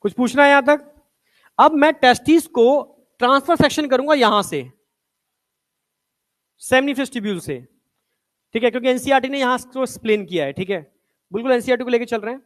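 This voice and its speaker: A man's voice: very high voice, a little fast, long pauses. Male teacher. Coaxing classroom lecture where he quizzes the students. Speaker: biology teacher.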